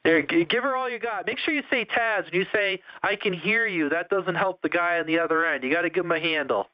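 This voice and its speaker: High-pitched man on crackly two-way radio. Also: fairly quick. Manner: crackly radio-operator talk, directing callers. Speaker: radio net host. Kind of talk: casual CB radio net chat. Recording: dull, band-limited two-way radio.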